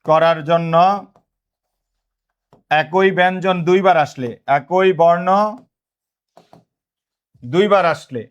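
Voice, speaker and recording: High-voiced man teaching, call-and-response. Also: smooth, muffled recording. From Bangladesh. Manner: repetitive call-and-response questioning; dictates notes slowly, repeating phrases. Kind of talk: online class lecture.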